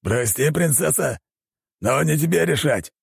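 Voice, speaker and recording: A man's voice: fairly high pitch, expressive, unhurried, creaky, husky, no room sound, clean studio sound, voice pushed up, exaggerated voice. A man voicing an arrogant scheming male traitor who barks orders and snarls. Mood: snarling. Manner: snarling, commanding.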